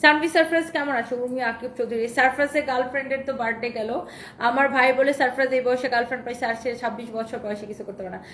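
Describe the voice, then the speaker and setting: A woman's voice: on the high side, steady tone, fast talker, fairly bright tone. A woman hosting a live clothing sales stream, showing dresses, reading out and thanking viewers' comments, and dropping English phrases into her talk. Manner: mixes English phrases into speech. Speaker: online clothing seller. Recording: echoey room with faint noise.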